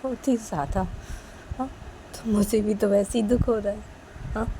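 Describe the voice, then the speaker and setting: A woman voicing a lovelorn young woman who confesses her love in a soft, halting, pleading way. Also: mid-range voice, steady tone, creaky, a little hiss or hum, natural voice, low-quality recording.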